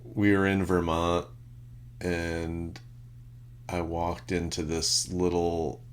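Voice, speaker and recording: Slow, deep-voiced man ranting casually. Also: level tone, a little hiss or hum. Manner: rambling, ranting, swears, many fillers. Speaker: podcast co-host. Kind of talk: unscripted casual chat.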